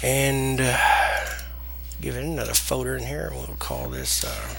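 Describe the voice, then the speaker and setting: Southern guy w/ deep south accent, gravelly, slurs his s's a bit, rambly tutorial talk, some background noise. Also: big pitch swings, fairly bright tone. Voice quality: slightly slurred S sounds. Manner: halting, rambling delivery with trailing sentences. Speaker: software tutorial presenter. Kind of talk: casual unscripted screen tutorial.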